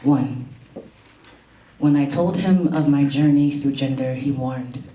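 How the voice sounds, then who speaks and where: A man's voice: mid-range voice, slow pace, mellow. A man performing spoken-word poetry with rhythmic, emphatic repetition, chatting loosely between poems. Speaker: poet. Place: college event room. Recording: echoey room, distant mic, faint hiss.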